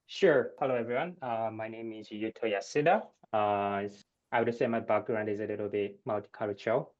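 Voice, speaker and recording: A Japanese man in his thirties, a guest researcher, answers interview questions in a measured way, his Japanese accent and lowish voice broken by many "uh" pauses. The recording sounds dull and lo-fi.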